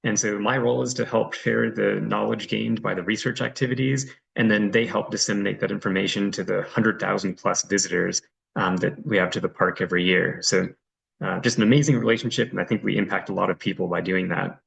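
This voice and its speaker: A man's voice: lowish voice, fairly even intonation, fairly quick, creaky, fairly bright tone, low-quality recording. A man giving a friendly, loose online presentation over a video call, as a reserve director, with frequent ums. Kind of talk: online presentation with screen sharing.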